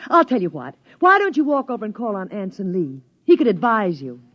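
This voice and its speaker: An actress playing a practical, coaxing, determined housewife in a 1950s radio drama, brisk and persuasive, on a muffled old recording. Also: female voice, mid-range voice, wildly swooping pitch. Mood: cheerful, coaxing.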